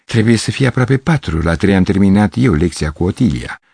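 A man's voice: sits low, animated, creaky, darkish tone, breathy edge, no room sound, exaggerated voice. A man reading an audiobook, voicing a fussy, apologetic middle-aged piano teacher who dreams of pure art.

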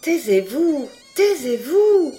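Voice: mid-range voice, lively intonation, normal speed, faint music behind, natural voice. A reader voicing a shy, flustered young woman in an audiobook, raising the voice for her. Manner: teasing, then flustered. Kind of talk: audiobook reading.

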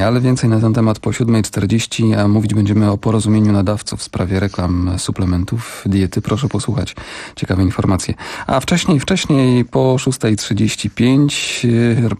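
A male morning radio host with a somewhat low, husky voice, announcing the schedule and running through headlines with chatty, wry asides. His studio sound is close and dry. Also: normal speed, darkish tone, dry recording. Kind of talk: casual radio presenting. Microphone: studio microphone.

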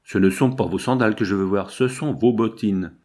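A man's voice: lowish voice, brisk, a little mellow, slightly rough. A man voicing a stern, curt prison director in an audiobook. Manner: curt, hard tone. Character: stern middle-aged male prison director.

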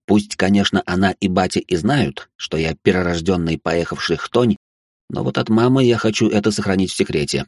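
A man's voice: low voice, a little mellow, breathy edge, dry recording, clean studio sound. A man narrating a novel in first person, with a wry, conversational inner monologue. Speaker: audiobook narrator.

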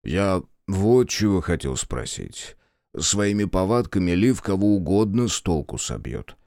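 A man's voice: low-pitched, big pitch swings, measured pace, a little mellow, no echo, studio quality, full character voice. A man voicing a worried father who talks in a plain, folksy way. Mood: confiding. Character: weary, worried older father, plain-spoken.

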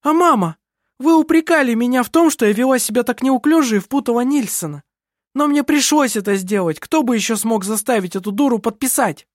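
Reader doing a shrill young woman, high and lively, furious, dry close sound. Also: brisk, no echo, close to an everyday voice. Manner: shrill, accusing, shouting. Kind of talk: audiobook character voice.

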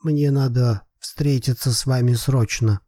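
A proud, hot-tempered old father, pleading in heavy, slow, emphatic phrases, as a male narrator acts him out. His voice is warm and husky, recorded dry and close for an audiobook. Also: medium pitch, steady tone, no echo, natural voice. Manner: emphatic, pleading, broken grammar.

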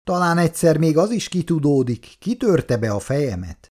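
A gruff, proud old factory worker bristles and grumbles, read by a man. His pitch swings widely. It is a storybook reading. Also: very animated, darkish tone. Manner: gruff and indignant. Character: elderly male factory worker, proud and stubborn. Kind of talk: reading a novel aloud.

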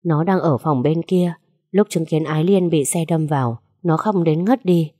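A woman's voice: sits low, normal speed, dark tone, no echo, studio quality. A woman voicing a grieving, tearful grandmother in a told story. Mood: sorrowful. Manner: weary, sorrowful.

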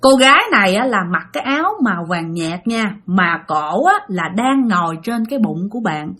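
Southern Vietnamese woman narrating a ghost tale, bright lively voice, a bit husky. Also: medium pitch, normal speed. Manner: animated, addresses listeners directly. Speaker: storyteller. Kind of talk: spoken ghost story narration.

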